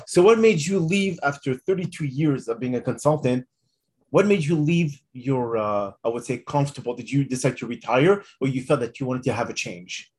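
A man hosting his own podcast, introducing himself and asking a guest questions in a measured, encouraging way. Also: medium pitch, animated, darkish tone, slight background noise. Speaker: podcast host, psychotherapist.

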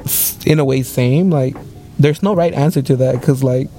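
A man's voice: mid-range voice, moderate pace, warm tone, soft background music. A man in his mid-twenties in a casual podcast chat, rambling with lots of filler words. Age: 20s.

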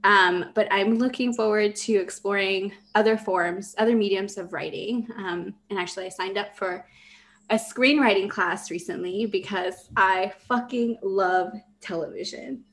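A woman's voice: medium pitch, measured pace, a bit bright. Gushing, swearing young woman co-host. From Mexico. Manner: enthusiastic, laughing, swears casually. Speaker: podcast co-host. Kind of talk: casual chat.

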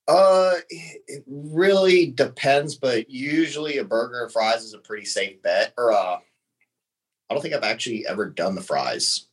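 A man's voice: medium pitch, animated, moderate pace, breathy edge, poor audio. A man in his thirties from the United States, a podcast guest talking casually and laughing lightly between answers. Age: 30s. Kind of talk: casual conversation.

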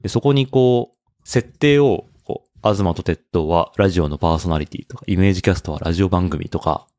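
A man's voice: sits low, brisk, a little mellow, dry recording, clean studio sound. A man co-hosting a podcast, explaining things eagerly in casual chat and laughing often. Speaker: podcast co-host.

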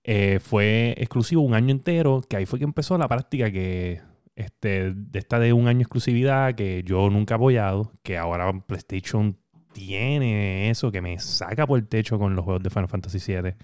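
A Puerto Rican man with a fairly low voice, talking casually and rambling through his points with hesitant fillers. The recording is dry and close to the mic. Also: moderate pace, a little mellow, smooth, no room sound. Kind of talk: casual chat.

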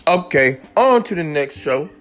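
Excitable man ranting as a radio host. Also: a little high, unhurried, faint music behind. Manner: excitable, repetitive, peppered with "like". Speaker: host of a homemade radio-style show. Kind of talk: mock talk-radio rant.

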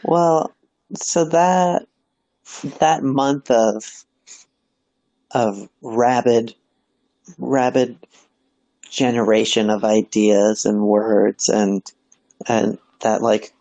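Slow, dark-toned calm podcast co-host. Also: medium pitch, no room sound, rough recording. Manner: calm, supportive interviewer. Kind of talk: casual podcast chat.

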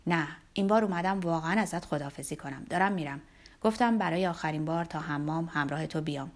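A woman's voice: on the low side, fairly bright tone, voice pushed down. A woman voicing a weary, aloof middle-aged man in an audiobook, speaking in a subdued, solemn tone.

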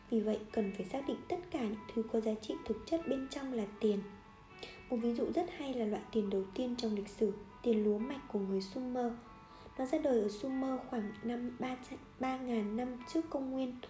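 A woman reading a nonfiction book aloud in a steady, measured way, now and then correcting a slip. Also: a little high, reverberant. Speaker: audiobook reader.

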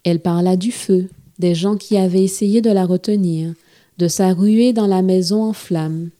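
A woman telling a storybook tale to children in a gentle, expressive reading style. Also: lowish voice, moderate pace.

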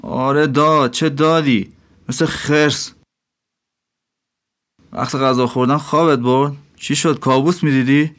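A man's voice: mid-range voice, fairly even intonation, pauses often, fairly bright tone, voice pushed up, lightly acted. Man putting on a mocking innkeeper. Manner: mocking, scolding. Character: scornful middle-aged male innkeeper.

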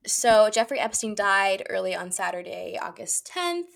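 A woman's voice: mid-range voice, big pitch swings, moderate pace, creaky, fairly bright tone. A woman in her twenties co-hosting a podcast in casual chat, reading out news with sarcastic asides. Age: 20s. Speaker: podcast co-host.

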